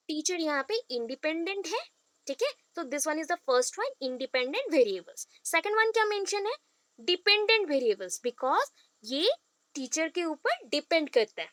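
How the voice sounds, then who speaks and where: An Indian woman teacher with a high, bright voice gives an explanatory classroom lecture, moving between Hindi and English and often putting questions to her listeners. The recording is close and dry, with no echo.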